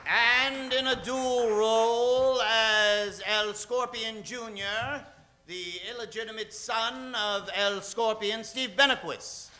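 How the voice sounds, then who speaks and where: A man with a very high, bright voice announces the cast of an old-time radio western with theatrical force, speaking slowly and drawing out the names. His intonation stays fairly even despite the dramatic, emphatic delivery, and music plays behind him.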